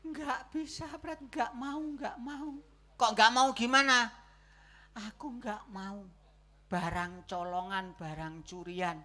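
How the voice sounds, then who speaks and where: An actor playing a poor, sick husband who is stubborn and moralizing, in a loud, exasperated stage comedy style. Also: male voice, sits high, slow, exaggerated voice. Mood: indignant. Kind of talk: stage comedy theatre acting.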